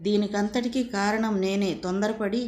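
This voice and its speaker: A woman reading as a gentle, sorrowful old father. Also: medium pitch, fairly even intonation, normal speed, natural voice.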